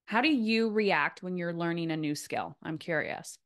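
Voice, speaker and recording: Speaking at a moderate pace with a fairly low pitch, this podcast host and coach conducts a relaxed interview. She leans into a motivational manner, stressing points and repeating phrases to drive them home.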